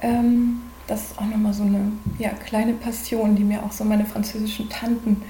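A German woman in her forties speaks as a podcast guest, her voice dark and mellow. She talks in a thoughtful, searching way, pausing often with fillers. A faint hiss sits under the recording. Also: medium pitch, flat delivery. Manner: thoughtful, many hesitations and fillers. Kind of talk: conversational podcast interview.

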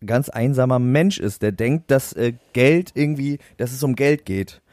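A man co-hosting a podcast, telling a long anecdote in a rambling, animated way and laughing at his own story. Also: mid-range voice, moderate pace, dry recording, clean studio sound. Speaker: podcast co-host.

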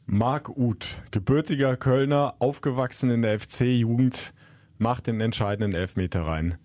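A man's voice: mid-range voice, a little slow, a little mellow, slight background noise. A man presenting and chatting as the host of a football podcast in a studio.

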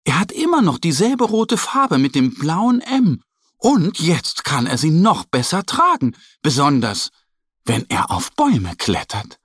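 A man narrating a children's story in a very expressive, sing-song storytelling manner. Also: a little high, unhurried, breathy edge, dry recording, studio quality.

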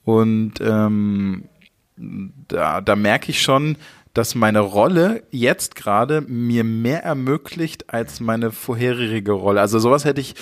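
A man in his thirties from Hamburg, a podcast interview guest who talks with many pauses, fillers and restarts. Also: medium pitch. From Hamburg, Germany. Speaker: interview guest, managing director.

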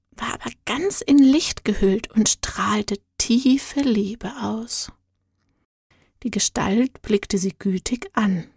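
Sanfte, langsame Märchenerzählerin. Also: female voice, medium pitch, gravelly, breathy edge, no echo, studio quality. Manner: soft, calm, often half-whispered telling. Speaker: storyteller. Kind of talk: scripted narration of a spiritual children's story.

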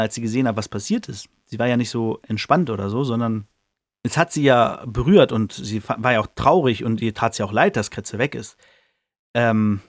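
A man's voice: medium pitch, dry recording, clean studio sound. A man hosting a podcast who casually retells a book chapter in a chatty way, with many fillers and restarts. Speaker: podcast host.

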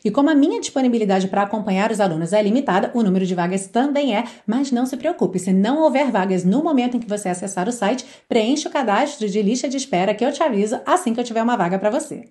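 A woman teaching English pronunciation, singing lyric lines slowly and repeating single words in a drawn-out way. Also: on the high side, lively intonation, darkish tone. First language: Portuguese.

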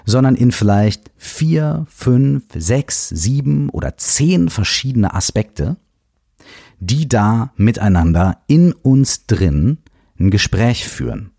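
A man hosting a self-help podcast in casual, animated talk, emphatic and now and then swearing, close to the mic. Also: medium pitch, slow pace, creaky, no echo. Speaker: podcast host.

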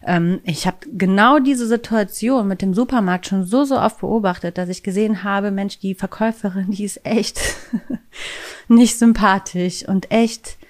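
A woman's voice: medium pitch, unhurried. A woman talking in a casual, reflective monologue as a self-help podcast host, chatty, with many fillers and tag questions.

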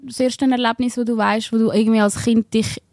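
A woman's voice: fairly high pitch, level tone, fairly quick, a little mellow, dry recording, clean studio sound. A woman, co-hosting a podcast and asking direct, sometimes teasing questions. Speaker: podcast co-host. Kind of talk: casual conversational interview.

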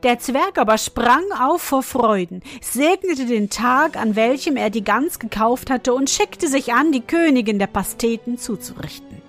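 A woman narrating a fairy tale in a measured storybook reading. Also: a little high, lively intonation, faint music behind.

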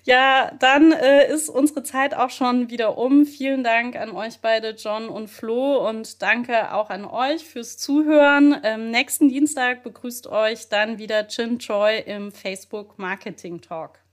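A woman hosting a podcast interview, summing up and asking quick questions in an upbeat way, with frequent filler sounds. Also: fairly high pitch. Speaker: podcast host.

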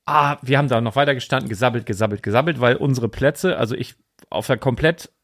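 A man's voice: mid-range voice, quick pace, fairly bright tone, dry recording. Male co-host, rambling anecdotes, dry close sound. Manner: rambling anecdotal storyteller, laughs often. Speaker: podcast co-host. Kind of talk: casual chat.

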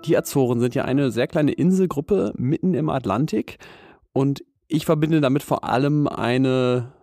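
Mellow-voiced male news podcast host. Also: mid-range voice, dry recording, studio quality. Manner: relaxed, informal interviewer.

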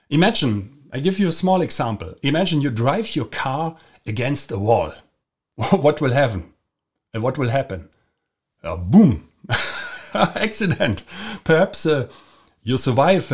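A man speaks English with a German accent, his native German showing through as he hosts a casual podcast. His voice sits at an everyday middle pitch. He hesitates often, fills pauses with "uh" and "um", and fixes his words as he goes, with frequent light chuckles. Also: husky. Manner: halting, frequent fillers and self-corrections; chuckles often while explaining. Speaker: podcast host.

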